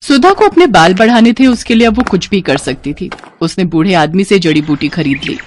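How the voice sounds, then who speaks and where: A woman narrating a scripted cartoon moral story in an even, expressive read. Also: medium pitch, brisk, slight background noise.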